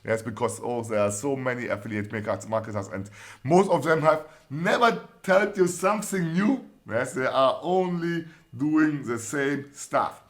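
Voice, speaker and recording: A man with a German accent hosting a trading channel, reading viewer comments in casual, encouraging talk full of fillers and restarts. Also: mid-range voice. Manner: halting, many fillers and restarts, repeats set phrases; upbeat, encouraging.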